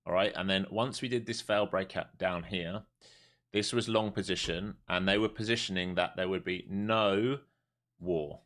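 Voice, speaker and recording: A European livestream day trader in his forties talks markets and chats with viewers in a blunt, casual way. He has a low, slightly bright voice.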